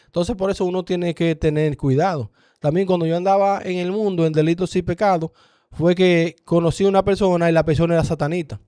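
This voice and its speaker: A man's voice: high-pitched, steady tone, fairly quick, mellow, smooth, no room sound, studio quality. Earnest Dominican man telling a testimony. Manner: earnest storyteller, acts out dialogue. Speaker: guest giving a testimony. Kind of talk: personal testimony in conversation.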